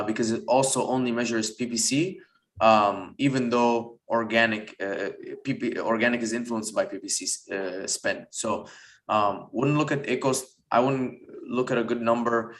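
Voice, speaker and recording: A man answering as an expert guest in an online Q&A, giving casual advice in a halting way, as if thinking aloud. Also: on the low side, fairly even intonation, fairly bright tone.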